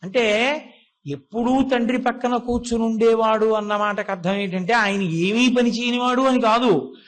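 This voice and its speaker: A man's voice: high voice, moderate pace. A man giving a devotional discourse. He tells a story, retells its dialogue in his own voice, and poses rhetorical questions that he then answers himself. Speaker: religious discourse speaker.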